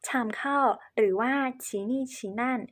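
Lady teaching in thai as a foreigner, a bit halting, polite, highish voice. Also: fairly bright tone. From China. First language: Chinese. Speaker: presenter on cultural etiquette. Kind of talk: explanatory lesson to camera.

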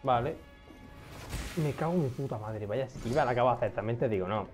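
A young man giving casual gameplay commentary, excitable, swearing often and talking to himself as he plays. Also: medium pitch, fast talker, faint music behind. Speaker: gaming streamer.

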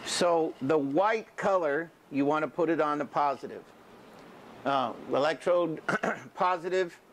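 Older man, welding instructor, fairly high voice, folksy classroom talk, faint background noise. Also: unhurried. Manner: folksy, repeats "okay" and checks in with students. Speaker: welding teacher. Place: school welding shop and classroom, indoors.

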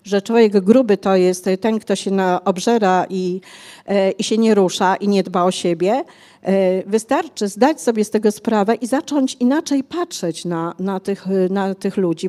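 An older woman, the author guest in a conversational interview, explains at length with many hesitations while speaking into a handheld mic on a bookshop cafe stage indoors. Her mid-range voice is warm, lively in intonation, at normal speed.

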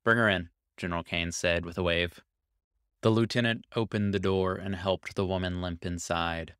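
A man reading a short science fiction story aloud as narrator, calm and even, on a close mic. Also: low voice, normal speed, clear, resonant tone, dry recording. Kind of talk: scripted narration.

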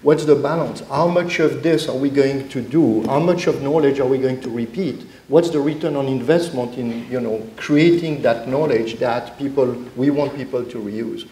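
A man's voice: medium pitch, normal speed, hardly any pauses, warm tone, roomy sound, low-quality recording. A middle-aged man speaking as a panelist on a conference stage, explaining earnestly with frequent restarts. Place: conference stage before an audience.

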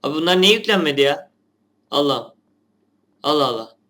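A man's voice: fairly high pitch, lively intonation, a little fast, pushed and bright. A young man, a gaming channel host giving casual gameplay commentary, chatty and grumbling at the game.

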